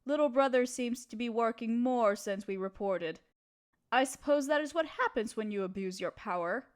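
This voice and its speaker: In an intimate audio roleplay, a woman voices a kind and proper young noble mistress, addressing her listener in formal phrases with gentle hesitation. Her natural voice sits a little high and moves at a normal speed, sounding caring and relieved.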